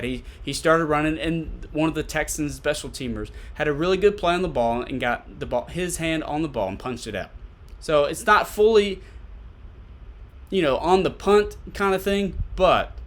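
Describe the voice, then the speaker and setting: Man, fairly high-pitched voice, casual sports commentary, podcast host, conversational, repeats himself for emphasis. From Tennessee, USA.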